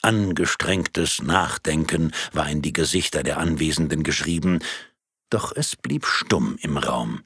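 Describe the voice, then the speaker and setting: A man narrating a story in a measured, wry storytelling manner. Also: extremely low pitch, animated, fairly bright tone, slightly rough, dry recording, clean studio sound. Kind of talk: audiobook storytelling.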